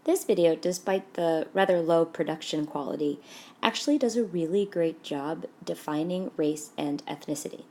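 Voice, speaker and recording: A woman narrating a lecture, laying out points one by one in a measured way. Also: low-pitched, darkish tone, a little hiss or hum.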